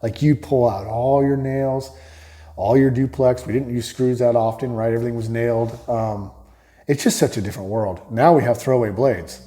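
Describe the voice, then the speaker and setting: A man hosts a relaxed conversation with a tradesman, his voice mellow and dark. He rambles through stories, restarts his sentences and tacks on little tag questions. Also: medium pitch, moderate pace. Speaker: host, builder. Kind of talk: casual interview chat.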